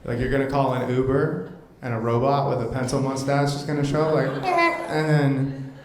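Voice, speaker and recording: A man's voice: medium pitch, expressive, moderate pace. A man in his thirties doing a brash stand-up comedy set, working the crowd and slipping into mocking voices. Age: 30s. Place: comedy club stage before a laughing crowd. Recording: roomy club sound with loud crowd.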